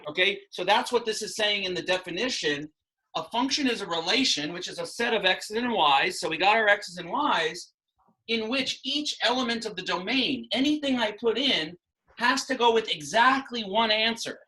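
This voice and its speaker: A man's voice: high voice, lively intonation, normal speed, sharp tone, rough recording. A man in his thirties teaching a math class online from a small room at a whiteboard, patiently asking questions and explaining step by step.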